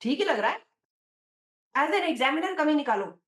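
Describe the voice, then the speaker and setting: A woman with an Indian accent lectures exam candidates, switching between Hindi and English. She talks slowly and deliberately in a slightly high voice and keeps testing her students with questions. The room around her sounds echoey. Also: animated, a bit bright. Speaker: teacher.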